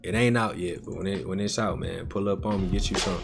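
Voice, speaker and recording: A young adult gaming video host reacts casually for his viewers, talking slang and addressing chat directly. His voice is low and creaky with fairly even intonation, and he talks briskly over background music.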